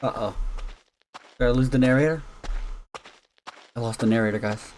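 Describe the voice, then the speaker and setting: A man's voice: mid-range voice, moderate pace, darkish tone, slight background noise. A man streaming a game, chatting casually with playful, reactive asides. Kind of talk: casual live gameplay chat.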